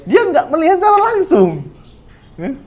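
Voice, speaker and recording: Guy preaching a sermon, pretty high voice for a man, keeps asking the crowd questions and saying ya. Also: huge pitch swings, moderate pace. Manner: rhetorical questions, frequent "ya" to the audience; addresses listeners as brothers. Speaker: Islamic preacher. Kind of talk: religious study sermon.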